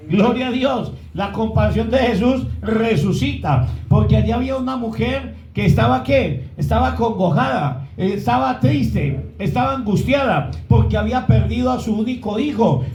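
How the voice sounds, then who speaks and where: A man's voice: sits high, darkish tone, echoey room, low-quality recording. A man preaching a sermon as pastor, often asking the congregation to fill in words.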